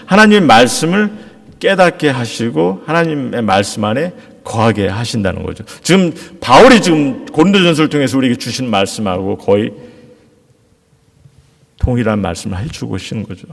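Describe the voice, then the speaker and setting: A middle-aged pastor, a man with a mid-range, gravelly voice, delivers an animated sermon in a church sanctuary, his tone climbing and dipping as he talks a little fast. He earnestly asks the congregation rhetorical questions. Each phrase trails away into the hall's lengthy reverb.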